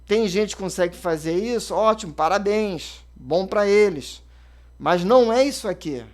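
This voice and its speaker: A man's voice: high voice, lively intonation, normal speed. A Brazilian man, an investment advisor in his thirties or forties, explaining investing in a casual, conversational way with fillers and self-corrections. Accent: Brazilian Portuguese.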